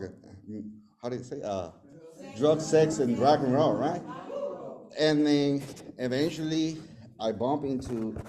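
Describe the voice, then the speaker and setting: Nervous and hesitant, a man from El Salvador in his 40s offers a personal recovery testimony at a meeting, with plenty of fillers and restarts. Spanish is his first language, he has a Salvadoran accent, and his voice is lowish and warm.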